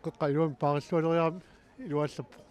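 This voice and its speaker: A man speaking in a casual interview, excitable and calling out. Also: on the high side, a little fast, noisy background.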